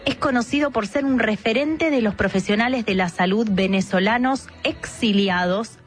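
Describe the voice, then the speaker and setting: A woman's voice: on the high side, normal speed, faint music behind. A woman with an Argentine accent hosting a radio interview, friendly and chatty. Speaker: radio host.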